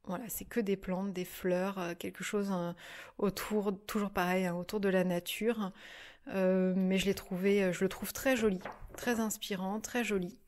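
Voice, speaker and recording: A woman's voice: medium pitch, fairly even intonation, normal speed, darkish tone. Woman, 30s, home vlogger, hesitant, filler-heavy casual chat. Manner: hesitant, many fillers and restarts. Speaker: vlogger reviewing books. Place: at home by her desk.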